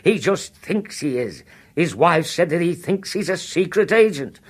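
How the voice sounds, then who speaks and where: Male narrator putting on a bossy housewife, nagging and blunt, husky. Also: on the high side, very animated, unhurried, heavily acted. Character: bossy sharp-tongued wife, Rita.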